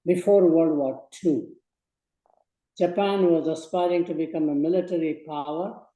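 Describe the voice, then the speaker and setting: A man in his eighties from Burma, giving slow, measured advice in a speech to students. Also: a little high, dark tone, reverberant, rough recording. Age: 80s. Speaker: guest speaker.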